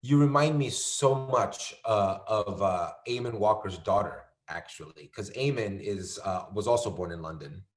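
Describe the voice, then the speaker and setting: This fairly low-voiced man from New York is an actor guest in a relaxed conversation, talking at a normal pace with few pauses. His speech wanders with plenty of fillers and restarts, and the room is echoey.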